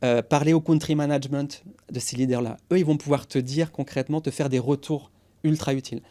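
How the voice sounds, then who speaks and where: Mellow-voiced man explaining business strategy. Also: on the high side, a little fast. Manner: energetic, explanatory, sprinkles English business jargon. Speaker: podcast guest, go-to-market consultant. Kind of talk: conversational podcast interview.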